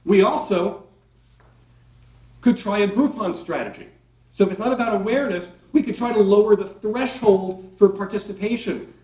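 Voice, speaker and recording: A high-pitched man leads a workshop as the keynote speaker, energetic and quizzing his listeners. He sounds set back from the mic, and his voice rings around a roomy hall. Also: moderate pace, distant mic, muffled recording. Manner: energetic, asks the audience questions; playful, sarcastic asides. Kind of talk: live workshop presentation.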